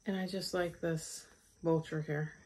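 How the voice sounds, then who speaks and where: A woman's voice: low voice, fairly even intonation, unhurried, a little mellow, husky. Chatty woman hosting a craft vlog. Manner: chatty, rambling, with frequent ums and restarts. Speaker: craft channel host. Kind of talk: casual stitching vlog chat.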